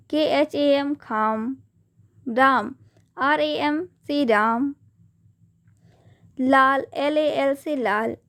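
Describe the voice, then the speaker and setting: A woman teaching a grammar lesson, spelling out words letter by letter in a slow, deliberate way. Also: high-pitched.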